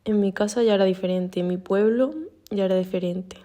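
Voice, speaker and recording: A woman from Andalusia with an Andalusian accent, giving a calm, thoughtful personal testimony. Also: medium pitch, a little fast. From Andalusia, Spain.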